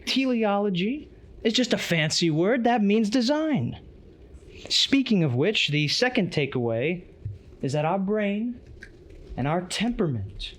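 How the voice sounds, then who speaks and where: High, lively, slow-speaking male lecturer. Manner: reads from a tablet, earnest and emphatic. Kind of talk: conference lecture.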